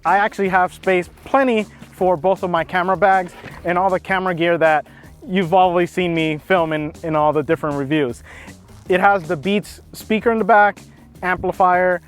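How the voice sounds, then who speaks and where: Casting note: enthusiastic male car reviewer, slightly high voice, outdoors, faint music underneath. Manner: enthusiastic, casual, many fillers and restarts.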